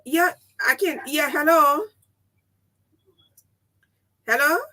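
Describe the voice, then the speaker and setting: A Liberian woman hosts a casual live phone-in, managing a three-way phone call. Her voice is high and bright, and she speaks informally, often repeating words. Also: slow pace. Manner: hesitant, repetitive, informal. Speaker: radio talk show host juggling a three-way phone call.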